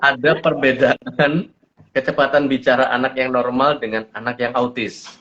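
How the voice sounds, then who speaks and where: Casting: man, co-host, middle pitch, easygoing and hesitant, dull lo-fi recording. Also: level tone, normal speed, fairly bright tone, slight background noise. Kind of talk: casual talk show chat.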